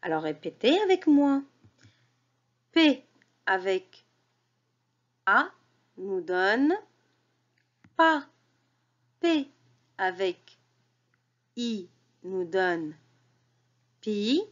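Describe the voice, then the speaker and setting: A woman teacher leads young children through a reading lesson. She speaks very slowly and lifts her voice in lively swoops of pitch as she praises them and has them repeat after her. The recording sounds a little dull and lo-fi. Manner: slow, clearly articulated, encouraging.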